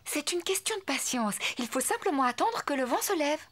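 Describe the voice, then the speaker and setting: A woman voicing a calm, sensible mother pig in a French cartoon dub, patient and gently cautioning. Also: sits high, fairly quick, slight background noise.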